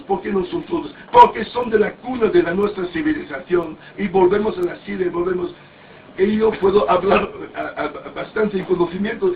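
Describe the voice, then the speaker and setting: High-voiced man on a distant tinny recording. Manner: rambling and anecdotal, with many restarts and crude words. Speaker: speaker at a parody mass. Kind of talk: informal sermon-like talk. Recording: distant, tinny, faint background noise.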